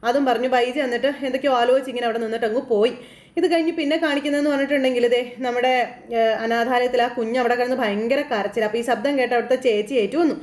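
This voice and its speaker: Chatty woman recap narrator, quick and fairly high, roomy echo. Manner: chatty, animated storytelling with frequent asides. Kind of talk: casual retelling of a TV serial episode.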